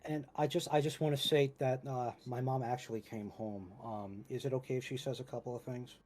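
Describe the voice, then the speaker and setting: Halting young man on a mellow call. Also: medium pitch, fairly even intonation. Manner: halting, hesitant, repeats words. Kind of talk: online group voice call.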